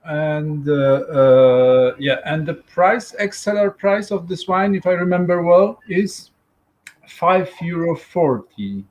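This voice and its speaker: A man's voice: fairly high pitch, expressive, takes it slowly, darkish tone, muffled recording. A man moderating an online wine seminar over a video call, hesitant and full of fillers.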